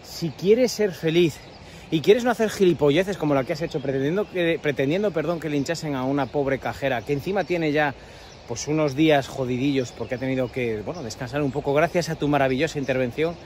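A man's voice: on the high side, a little fast, a little mellow, a little hiss or hum. A man with a Peninsular Spanish accent rants sarcastically to camera while climbing a steep outdoor path, out of breath, rambling and crude. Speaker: vlogger. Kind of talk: walking vlog rant to camera.

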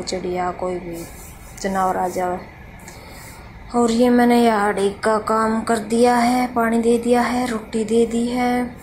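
A woman, calmly narrating her village chores in a homely running commentary for her vlog. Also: medium pitch, a little hiss or hum. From India. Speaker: village life vlogger. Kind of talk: casual voice-over narration of daily chores.

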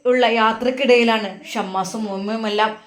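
A woman's voice: a little high, fairly even intonation, moderate pace. A woman with a Malappuram Malayalam accent narrating an emotional family story expressively.

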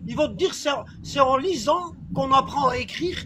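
A man in casual chat, explaining in short, repeated phrases and checking that the listener follows. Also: moderate pace. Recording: noisy recording with vehicle rumble behind.

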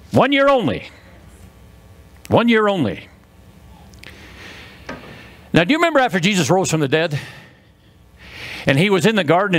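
A male pastor delivering a sermon in a notably high voice. He preaches with fervor, repeats key words over and over, and calls the congregation to say them back. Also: fairly bright tone. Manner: fervent, repetitive, leads call-and-response.

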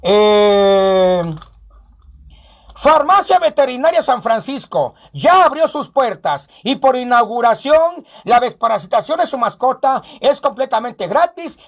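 A man's voice: very high voice, very animated, moderate pace, hardly any pauses. A man with a Mexican Spanish accent, hosting a comic local show as a clown, joking and reading out ads and phone numbers. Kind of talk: comic radio-style show with ads and news.

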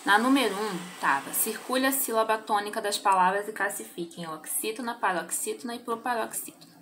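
A Brazilian woman primary school teacher correcting a homework exercise in a recorded remote lesson, explaining slowly and clearly and often checking "tá?" with the children. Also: mid-range voice, a bit bright, slight background noise, rough recording. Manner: slow, clear syllable-by-syllable explanation with frequent "tá?" checks.

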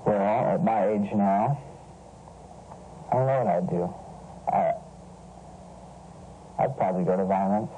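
Disguised, electronically deepened young male voice. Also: dark tone, lo-fi sound, a little hiss or hum. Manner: halting, hesitant, with restarts. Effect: voice electronically lowered to hide identity. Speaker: interviewee. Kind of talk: news interview.

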